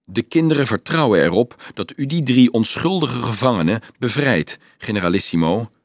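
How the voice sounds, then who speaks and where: A man's voice: mid-range voice, lively intonation, normal speed, no room sound, clean studio sound, close to an everyday voice. A man voicing an earnest, pleading teenage boy. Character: brave teenage boy, pleading then commanding.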